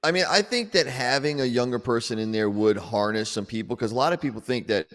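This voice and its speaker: A man co-hosting a casual political chat show, talking in an animated, rambling way and often repeating words. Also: medium pitch, a little fast, long reverb tail. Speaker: podcast co-host.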